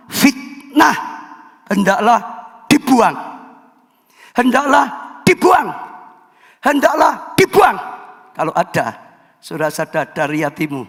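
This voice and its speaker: A man preaching a sermon as pastor. He swings from soft pleading to loud exhortation. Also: a little high. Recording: long hall reverb.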